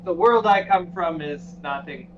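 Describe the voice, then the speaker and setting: A man's voice: fairly high pitch, measured pace, fairly bright tone, slight background noise. Man player, dull and distant sound. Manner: rambling, casual storytelling. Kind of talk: tabletop game role-play.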